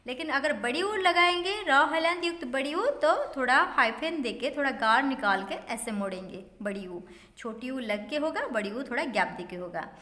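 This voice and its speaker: Woman teacher, high voice, patient step-by-step explaining, asks her own questions, roomy echo. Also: expressive, moderate pace, pushed and bright. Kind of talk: classroom lesson for children. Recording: echoey room with long reverb.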